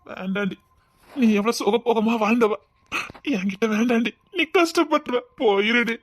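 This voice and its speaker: A woman voicing a young man crushed by paralysis in a comedy skit. The voice is fairly high and carries a Tirunelveli Tamil accent, and he begs and pushes his sweetheart away in self-pity. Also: normal speed, no echo, close to an everyday voice. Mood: bitter. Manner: pleading, self-pitying, pushing her away. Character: despairing young man paralysed after an accident.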